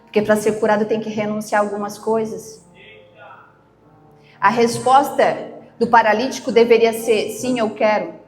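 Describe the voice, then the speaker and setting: A woman pastor preaching a sermon, slow and emphatic, shifting between loud outbursts and hushed questions. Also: mid-range voice, fairly even intonation. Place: church. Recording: echoey church with soft music. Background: soft instrumental music.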